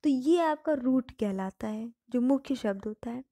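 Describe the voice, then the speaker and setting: A woman's voice: fairly high pitch, normal speed, warm tone, no room sound. A woman teaching English grammar in Hindi, patiently explaining each term and repeating examples.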